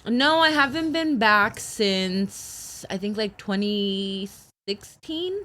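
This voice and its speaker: An American woman in her thirties talking loudly and animatedly as a guest in a casual podcast chat. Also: medium pitch, takes it slowly. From United States, Brooklyn and California. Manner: loud, animated talker.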